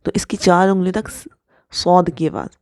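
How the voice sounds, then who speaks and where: A woman's voice: on the low side, darkish tone, no room sound, clean studio sound. A woman teaching Quran recitation rules step by step. She patiently explains and demonstrates each letter sound. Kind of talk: step-by-step tajweed lesson.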